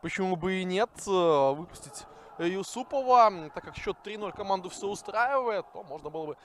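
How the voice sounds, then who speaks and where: High-pitched man commentating live football. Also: normal speed, a little hiss or hum. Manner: excitable, rising to shouts at attacks.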